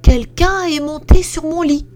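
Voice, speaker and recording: A woman's voice: high-pitched, a little slow, mellow, pitched above the performer's own voice. A woman voicing a middle-sized bear in a read-aloud storybook, complaining in a raised voice. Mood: indignant. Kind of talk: storybook reading.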